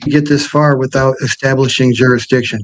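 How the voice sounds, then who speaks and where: A man's voice: medium pitch, steady tone, brisk, background noise. A man defending himself in court over a video call, stubborn, argumentative and prone to interrupting. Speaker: self-represented defendant. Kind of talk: arguing in court.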